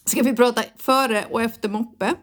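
Chatty woman, higher voice. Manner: chatty, laughs often, animated storytelling. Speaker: podcast co-host. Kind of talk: casual chat.

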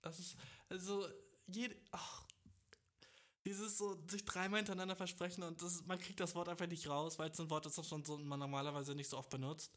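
A man's voice: high-pitched, level tone, fairly quick, a bit bright. A young man hosting a podcast, telling a rambling comic monologue full of slang and English swear words, laughing at his own jokes. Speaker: podcast host. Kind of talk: casual comedic podcast monologue.

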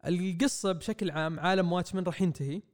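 A young man, rambling excitedly through a comic review on a podcast mic. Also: high-pitched, rapid-fire. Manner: excitable, rambling, acts out quotes. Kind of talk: casual podcast review chat. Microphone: podcast microphone.

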